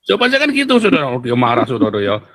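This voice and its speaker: A man's voice: mid-range voice, very fast. A man delivering a heated monologue to his listeners, ranting, often calling them brothers and acting out the voices he quotes. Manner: ranting, keeps addressing listeners as "saudara"; acts out quoted voices in lively bursts. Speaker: commentator. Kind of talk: heated monologue to an online audience.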